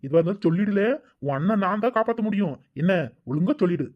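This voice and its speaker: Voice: mid-range voice, expressive, fast talker, lightly acted. Voice actor doing a caring elder brother. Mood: coaxing. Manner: coaxing, soothing. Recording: dull lo-fi recording.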